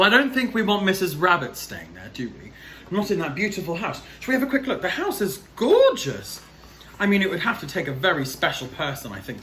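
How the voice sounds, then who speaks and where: In a slightly high, fairly bright voice, a man working as a drag queen storyteller and host reads a children's picture book aloud. He's theatrical and chatty, addressing young viewers directly from a small, plain indoor room. The room echoes and there's light background noise.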